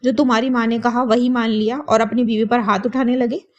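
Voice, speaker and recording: A woman's voice: a little high, flat delivery, a little fast, highs cut off, close to an everyday voice. A woman voicing an outspoken young wife who talks back in a firm, indignant way.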